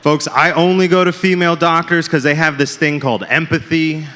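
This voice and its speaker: A man's voice: fairly high pitch, fairly even intonation, brisk, sharp tone. A man doing a stand-up set on a comedy club stage, with self-deprecating, punchline-driven jokes, often calling the crowd folks. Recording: live club with long reverb.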